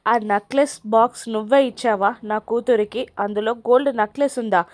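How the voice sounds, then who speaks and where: A woman's voice: fairly high pitch, moderate pace, no room sound, studio quality, close to an everyday voice. A woman voicing an angry middle-aged father who hurls accusing questions, in a story recap. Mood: furious.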